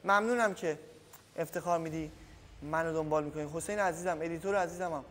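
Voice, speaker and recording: A slightly high-voiced boxing coach from Iran, suffering from a cold, gives viewers he calls kids a casual, energetic tutorial next to a punching bag in a gym, trailing off quietly now and then. The camera audio, with no microphone, has long echoey reverb and a little hiss or hum.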